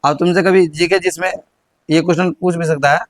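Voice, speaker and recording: A man's voice: a little high, fairly even intonation, fairly quick. A young male teacher with a Bihari Hindi accent gives a classroom history lesson, repeating his questions and prompting students, often stumbling and restarting.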